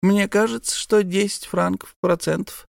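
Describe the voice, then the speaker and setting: A man voicing a greedy old male moneylender who wails and fawns in a shrill voice, as an audiobook character. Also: steady tone, moderate pace, gravelly, no room sound, clean studio sound. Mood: fawning. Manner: wailing, whining, fawning.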